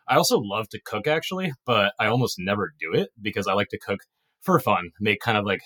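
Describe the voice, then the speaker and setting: A young man from Illinois, a robotics engineer, chatting quickly and casually about his background. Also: on the low side, bright, forceful tone. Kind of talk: casual interview answers.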